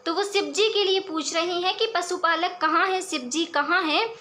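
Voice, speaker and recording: A woman teacher explaining verse examples in a lesson, reading lines slowly and then explaining them patiently. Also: very high-pitched, pushed and bright, slight background noise.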